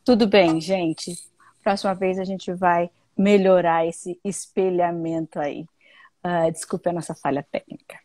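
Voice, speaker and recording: A woman's voice: on the low side, fairly even intonation, a little slow, dark tone, no room sound. A woman with a Brazilian accent hosting a casual live English lesson, chatting with viewers and mixing English words into her Portuguese.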